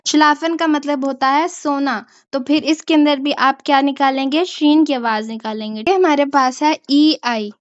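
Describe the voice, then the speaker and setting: High-voiced woman teaching German sounds. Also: unhurried, hardly any pauses, no echo, lo-fi sound. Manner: patient, repeats "ठीक है?" to check understanding. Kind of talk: online language lesson.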